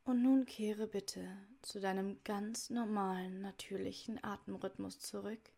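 A woman leading a guided meditation in a soft, soothing voice, giving measured instructions in short phrases that sometimes trail toward a whisper. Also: mid-range voice, fairly even intonation. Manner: soft, soothing delivery with breathy, near-whispered phrase endings.

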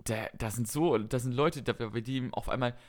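A man's voice: medium pitch, brisk. A man co-hosting a casual podcast, chatting about darts in a rambling way, often correcting himself and listing results at length. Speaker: podcast co-host.

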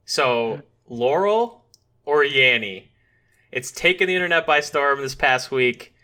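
A young man from Western New York hosts a relaxed podcast conversation. His voice is bright and a little nasal, set at an ordinary middle pitch. He talks easily, with filler words and short pauses. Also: clear, resonant tone. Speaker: podcast host. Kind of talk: casual podcast chat.

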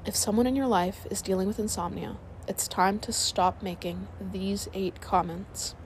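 A woman narrating a sleep story, reading aloud in a calm, soothing way. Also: mid-range voice, normal speed, a little hiss or hum.

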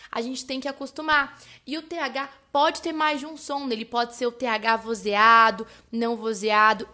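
A Brazilian woman with a Brazilian Portuguese accent talks through a podcast lesson in a chatty, friendly register, her voice sitting a little high. She keeps checking in with her listeners and slows right down whenever she models an example word. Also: bright, forceful tone. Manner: chatty, addresses listeners as "gente", frequent "né?" and "tá bom?"; models English words slowly and carefully. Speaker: English teacher and podcast host. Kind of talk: casual explanatory lesson.

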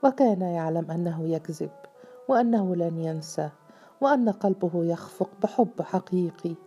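Low, very mellow woman narrator. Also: lively intonation, moderate pace, slightly rough, faint music behind. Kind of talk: audiobook narration.

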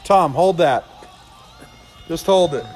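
A man's voice: fairly high pitch, slow pace, darkish tone, faint music behind. A man hosting a casual podcast among friends, joking and bossing the others around. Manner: joking, bossy, talks over others. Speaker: podcast host. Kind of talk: casual chat. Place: outdoors in a driveway.

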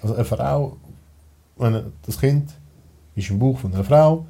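A man's voice: mid-range voice, unhurried, vocal fry, dark tone. A man with a Swiss German accent talking as a podcast guest, rambling and blunt, with many restarts and fillers. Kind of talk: casual personal conversation.

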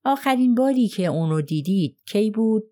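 A woman's voice: mid-range voice, expressive, warm tone, lightly acted. Woman reading as a cold, firm lawyer. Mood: probing. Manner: probing, pressing questions. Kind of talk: audiobook character reading.

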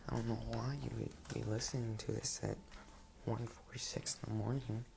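A young man, sitting on his bed in his bedroom, hosts a casual late-night solo podcast. His medium-pitched, creaky voice moves a little fast as he rambles, relaxed and sleepy and dry, with lots of fillers. A faint hiss sits in the background.

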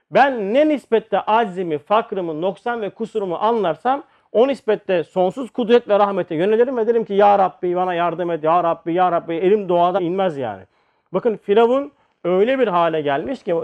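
High-voiced man giving a lively religious talk. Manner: lively, acts out everyday scenes, asks rhetorical questions. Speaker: religious teacher. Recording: dull lo-fi recording.

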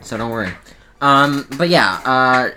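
Bright-toned joking male co-host. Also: mid-range voice, animated, a little hiss or hum. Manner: quick-witted, joking interjections. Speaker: podcast co-host. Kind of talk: casual political podcast chat.

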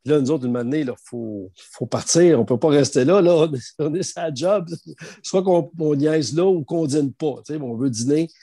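A man's voice: a little high, normal speed, slightly rough, no echo. A middle-aged man with a Quebec French accent telling anecdotes in casual, slangy conversation. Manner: animated anecdotal storytelling with slang. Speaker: storyteller guest sharing anecdotes. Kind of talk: casual chat.

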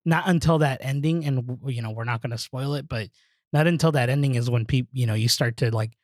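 Man, podcast co-host, excitable, rambling, dead dry mic. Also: mid-range voice, brisk, dry recording. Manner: excitable, rambling, many fillers. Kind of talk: casual chat.

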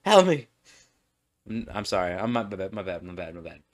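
Rambling young man with a low voice. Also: fast talker. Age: young adult. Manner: rambling, self-interrupting, laughs often. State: burping, hiccups. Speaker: podcast host. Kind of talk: casual rambling monologue.

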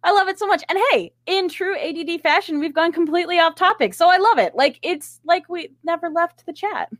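A woman with a high voice co-hosting a podcast, enthusiastic and giggly as she chats. The sound is close and dry, with no room around it. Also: a little fast, a bit bright, no echo. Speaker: podcast co-host. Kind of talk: casual chat.

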